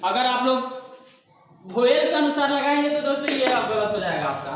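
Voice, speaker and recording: A man's voice: very high voice, animated, moderate pace, a bit bright. A man with a Hindi accent teaching an English grammar lesson in a classroom, asking the class questions and answering them himself. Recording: echoey room, distant mic, faint hiss.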